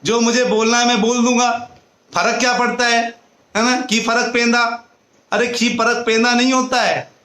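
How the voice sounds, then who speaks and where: A man giving a devotional discourse in a high, bright voice, moving between storytelling and chanted verses. The room is echoey. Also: little pitch movement, normal speed. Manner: tells parables and chants mantras, with a light laugh. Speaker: preacher.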